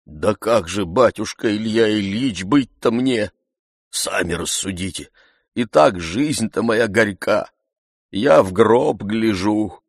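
Brief: man playing an old servant, low, humble and grumbling, dry recording. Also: measured pace, husky, no room sound. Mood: pleading. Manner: humble, muttering pleas. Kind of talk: audiobook reading.

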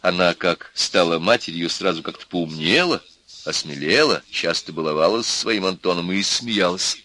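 A man reading an audiobook with an expressive, vivid narration. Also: deep voice, normal speed, no room sound. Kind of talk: scripted narration.

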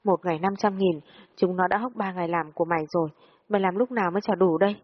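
A woman's voice: lowish voice, fairly even intonation, fast talker, close to an everyday voice. A woman voicing a furious, foul-mouthed older female friend who scolds and swears at a younger girl in a storybook reading. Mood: scolding. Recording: dull lo-fi audio with long reverb.

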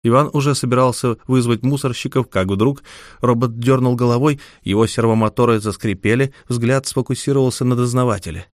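A man's voice: medium pitch, steady tone, brisk, dry recording, studio quality. A man reading scripted fiction as an audiobook narrator.

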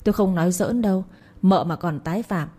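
A woman voicing a cold-faced young husband who teases and bosses his wife with a deadpan manner. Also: lowish voice, a little fast, lightly acted. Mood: bossy. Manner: deadpan, teasing.

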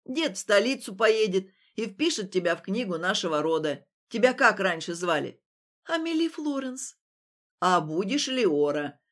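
Brief: woman doing a blunt old granny for a fantasy audiobook, low, loud and deliberate. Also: very animated. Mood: gruff. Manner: brusque, scolding. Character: gruff kindly old village woman.

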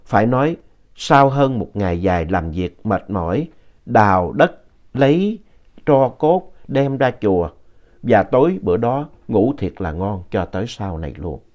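A man narrates a spooky tale in a relaxed, conversational manner. His pitch moves a lot, rising and falling as he goes, and he stops now and then to explain things. The audio sounds dull and lo-fi. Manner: unhurried, conversational retelling with explanatory asides. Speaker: storyteller reading a listener's ghost story.

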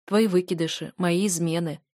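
A woman's voice: lowish voice, steady tone, moderate pace, a little mellow, no echo, clean studio sound, natural voice. A woman reading an audiobook and voicing a husband confessing in an earnest, serious way. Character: grown man, husband, guilty and earnest.

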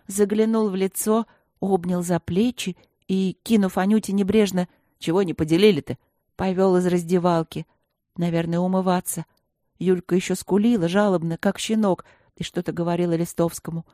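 A woman reading a children's storybook aloud in a steady, even-paced manner. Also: fairly low pitch, moderate pace, no room sound, clean studio sound. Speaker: audiobook narrator. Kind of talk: storybook narration.

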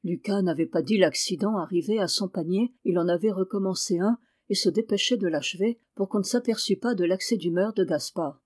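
A woman reading a classic children's novel aloud, in a clear, measured way. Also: mid-range voice, a little mellow, no room sound, clean studio sound. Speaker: reader.

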